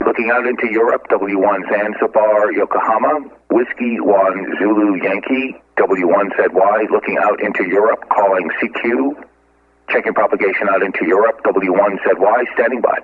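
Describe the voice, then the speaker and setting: A man on a ham radio call, spelling out call signs in the phonetic alphabet and giving signal reports, often pausing on filler sounds. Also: fairly low pitch, fairly even intonation, slight background noise. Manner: halting, with frequent filler sounds. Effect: ham radio call over a narrowband transceiver. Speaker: amateur radio operator. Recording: tinny narrowband radio audio.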